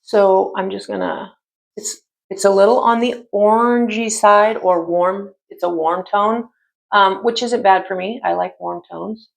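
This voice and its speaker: Chatty fifties woman, mid-pitched with a creaky edge, easygoing makeup-tutorial talk. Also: steady tone, a little slow. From United States. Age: 50s. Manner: chatty, rambling, many ums. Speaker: beauty vlogger. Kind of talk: casual makeup tutorial chat.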